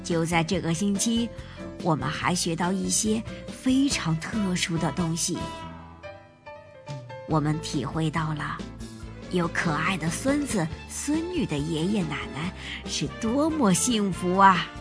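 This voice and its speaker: A woman voicing a kindly, cheerful old grandfather bear in a children's storybook, speaking slowly and gently with a chuckle in his manner. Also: lowish voice, lively intonation, over music. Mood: gentle. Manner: slow, warm-hearted, chuckling.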